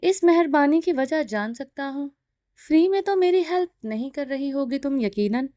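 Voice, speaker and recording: A woman's voice: high-pitched, expressive, dark tone, no echo, clean studio sound. Woman reading as Jahangir, possessive mafia boss. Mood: questioning. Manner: taunting, commanding. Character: domineering possessive male mafia boss, teasing.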